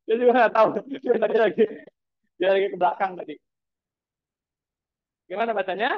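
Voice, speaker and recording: A man's voice: sits high, brisk. A man lecturing a university class, prodding students with repeated teasing questions. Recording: tinny phone-like sound.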